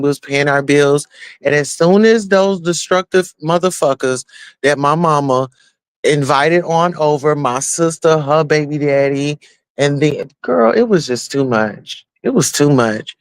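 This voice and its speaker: A man's voice: fairly high pitch, a little slow, clean tone, no room sound. A man giving casual, chatty commentary to his viewers, full of slang and preachy asides. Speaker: YouTube commentator.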